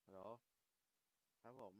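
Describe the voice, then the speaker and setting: A young man chatting casually while playing a video game and checking his mic. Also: a little slow. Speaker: gameplay streamer. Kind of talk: casual gameplay commentary.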